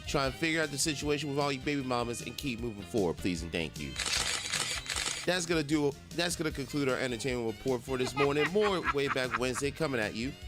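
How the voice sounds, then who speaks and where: A man's voice: mid-range voice, lively intonation, quick pace. A man hosting morning radio, giving an entertainment report in a slangy, conversational way with exasperated commentary. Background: music.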